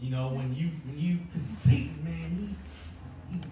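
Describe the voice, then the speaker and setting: A high-pitched man preaches in a large, echoing church, his voice captured from well back in the room. The congregation murmurs replies around him as he builds toward shouted peaks. The sound is distant and full of reverb. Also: moderate pace, background noise. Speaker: minister. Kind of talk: call-and-response sermon. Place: church sanctuary. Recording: echoey church heard from a distance with congregation responses. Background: congregation calling back responses.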